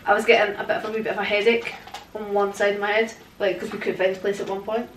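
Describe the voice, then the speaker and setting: Recorded from a distance by a camera in an echoey room, a young woman guest who investigates the paranormal answers questions haltingly, with lots of fillers, from her living room sofa. She speaks quickly in a mid-range voice with little pitch movement, over slight background noise.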